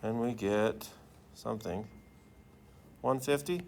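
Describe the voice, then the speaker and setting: A man's voice: on the low side, slow, vocal fry, a little mellow, slight background noise. A man teaching a class in the manner of a professor lecturing, informal and often checking in with students through questions.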